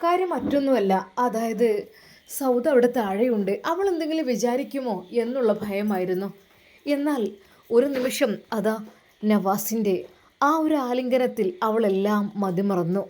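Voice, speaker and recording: A woman telling a story in a dramatic narration style, emphatic and full of drawn-out pauses. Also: a little high, a little mellow.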